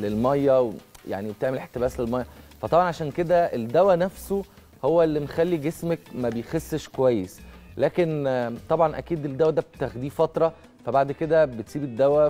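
Man, 30s, Egyptian accent, TV guest doctor, mellow voice, fast explanations. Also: medium pitch. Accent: Egyptian Arabic. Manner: calm, explanatory, with frequent restarts. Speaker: guest doctor, nutrition advisor. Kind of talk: answering a caller on a TV show. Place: TV studio. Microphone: lapel mic.

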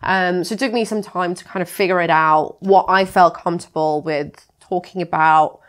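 A woman's voice: lowish voice, fairly even intonation, normal speed. A woman from Latvia, a guest in a podcast studio, chatting casually with many fillers and restarts and frequent laughs. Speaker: guest, freelance graphic designer. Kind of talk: casual interview chat.

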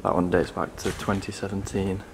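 Deep monotone guy wandering an abandoned mall, thinking out loud, noisy camera audio. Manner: low-key, thinking aloud with pauses. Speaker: urban explorer. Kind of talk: casual on-site commentary. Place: large empty abandoned shopping centre indoors. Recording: steady background noise.

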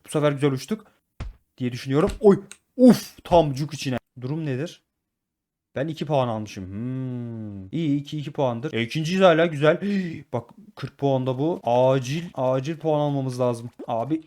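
A man giving excitable live gameplay commentary as a gaming YouTuber, talking to his viewers as friends and repeating words in sudden bursts. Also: mid-range voice.

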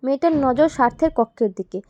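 A woman with a high voice narrates an audio story expressively. The sound is dry and close, and slightly dull. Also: fast talker, dry recording.

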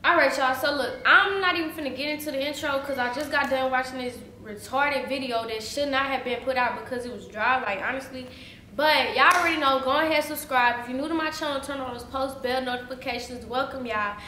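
Young woman venting on her vlog, high bright voice, keeps saying like and y'all, roomy echo. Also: fairly quick, soft background music. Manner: indignant, repeats herself, lots of "like" and "y'all". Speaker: YouTuber. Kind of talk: casual vlog rant to camera. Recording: echoey room.

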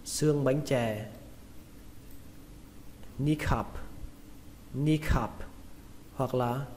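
Male pronunciation teacher, slow and careful, repeats each word; long reverb on the voice. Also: medium pitch, a little mellow. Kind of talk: slow spoken vocabulary lesson. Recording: long reverb with faint noise.

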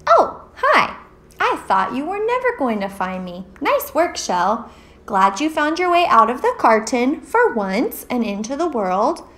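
A woman's voice: high-pitched, sing-song, unhurried, fairly bright tone, full character voice. Storybook part: a woman doing a playful little girl egg who teases her friend. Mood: teasing. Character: cheerful hidden girl egg, Meg.

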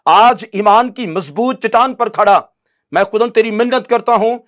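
Impassioned high-voiced pastor preaching. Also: male voice, normal speed, fairly bright tone. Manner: impassioned, rising and falling in bursts. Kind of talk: sermon. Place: small TV studio with a news backdrop. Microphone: lapel mic.

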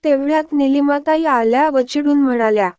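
A woman's voice: high voice, moderate pace, a little mellow, no echo, studio quality. A woman narrating a family story, reading steadily and expressively.

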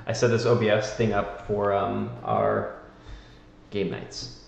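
Slow and fairly low, with vocal fry and big pitch swings, a man mutters and chats casually while fiddling with his stream settings. His dull lo-fi mic makes him sound like he's in a cave, full of echo, with faint background noise.

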